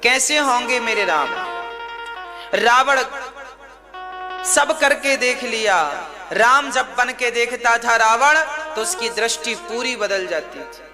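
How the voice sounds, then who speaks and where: A man's voice: extremely high pitch, takes it slowly, long pauses. A man preaching a devotional story sermon, dramatic in tone, chanting sung verses between the narration. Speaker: katha preacher. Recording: devotional music playing underneath.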